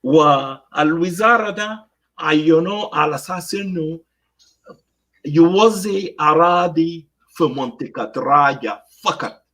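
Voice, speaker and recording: A man with a South Sudanese Arabic accent giving political commentary, slipping between Arabic and English and pausing on many fillers. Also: a little high, lively intonation, sharp tone, low-quality recording. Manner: mixes Arabic with English phrases.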